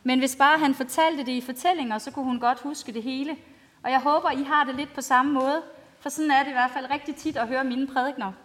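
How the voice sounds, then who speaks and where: The congregation hears a storytelling sermon from a woman pastor who speaks plainly and simply in a high, steady, fairly bright voice. The large church gives the recording a long, hall-style reverb.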